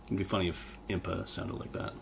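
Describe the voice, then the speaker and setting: A man's voice: deep voice, flat delivery, fairly quick, gravelly, a little hiss or hum. A young man casually commenting on gameplay with a friend, rambling and self-deprecating. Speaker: let's play co-host and video editor.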